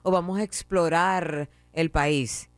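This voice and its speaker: A man co-hosting a casual radio show in a relaxed, conversational way. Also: a little high, takes it slowly, clean tone, no echo. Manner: relaxed, conversational, drops English asides. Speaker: radio co-host.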